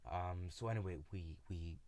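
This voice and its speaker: Male storyteller, low pitch, relaxed and halting, dry close recording. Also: no echo. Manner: casual, halting, with many fillers and restarts; retells friends' lines in his own voice. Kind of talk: personal storytelling.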